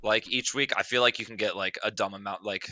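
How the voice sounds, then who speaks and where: A man's voice: fairly low pitch, fairly even intonation, a little fast, sharp tone, no room sound. A man in his late twenties, a podcast guest, chatting casually in slang and laughing often as he talks. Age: late 20s.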